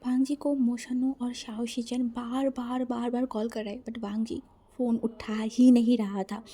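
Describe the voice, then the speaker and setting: A woman's voice: fairly high pitch, level tone, measured pace, dark tone. A woman narrating a fan-fiction story in a dramatic way, mixing in English words.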